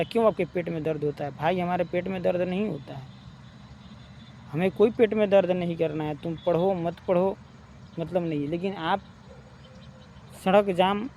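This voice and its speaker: High-voiced man arguing an opinion. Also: a little mellow, slight background noise. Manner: argumentative, asks rhetorical questions; repeats points, addresses listeners as brothers. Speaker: opinion vlogger. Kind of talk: casual spoken commentary.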